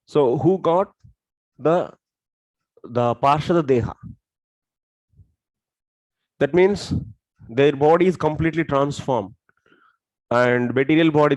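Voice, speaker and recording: A man's voice: on the high side, darkish tone, no echo, poor audio. South Indian man teaching scripture, dry sound. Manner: explains step by step, asking questions. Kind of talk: interactive religious lesson.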